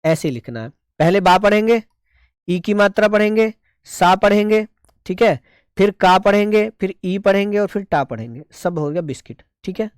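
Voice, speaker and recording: A man's voice: high voice, expressive, moderate pace, smooth, no echo, studio quality. A man teaching a shorthand class, explaining each stroke step by step and checking in often. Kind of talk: online class lesson.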